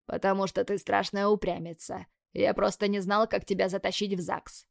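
A woman's voice: mid-range voice, flat delivery, normal speed, creaky, no echo. Cocky young guy, smug but tender, takes his time, as a woman reads him, dry sound. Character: young man, cocky affectionate fiancé.

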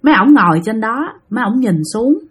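A woman's voice: fairly high pitch, animated, fairly quick, breathy edge. A woman telling a spooky story in a casual, chatty way, speaking straight to her listeners. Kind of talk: casual spoken ghost story.

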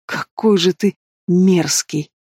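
A man's voice: high-pitched, fairly even intonation, a little fast, no room sound, studio quality. A man voicing a frightened but defiant young pregnant woman in an audiobook. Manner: sharp and defiant.

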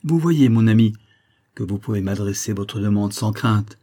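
A man's voice: on the low side, normal speed, mellow, close to an everyday voice. A man voicing a frank, fatherly older baron who speaks earnestly and cordially. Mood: warm.

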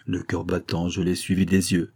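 A man narrating a literary story aloud in a measured, even manner. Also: sits low, vocal fry, husky. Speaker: audiobook narrator. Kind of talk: scripted narration.

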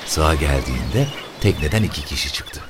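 A man narrating an audiobook in a slow, measured reading. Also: rumbling low, expressive, noisy background. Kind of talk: scripted narration.

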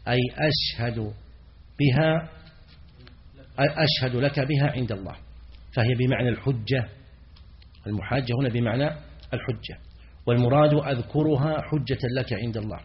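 Middle-aged male scholar, classroom lecture, mid-pitched voice, repeats words and checks understanding; muffled lo-fi recording. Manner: repeats key words, pauses to quiz students; clears throat now and then. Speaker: Islamic scholar teaching a text. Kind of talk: classroom lecture explaining grammar and meaning.

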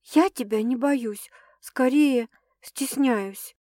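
A flustered, dramatic young woman bursts through this audiobook scene, her lines pitched high and pushed loud, as a woman reader takes her on. The sound is dry and close, with no room around it. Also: takes it slowly, no room sound. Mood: defensive. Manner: excitable, exclaiming, higher and louder than narration.

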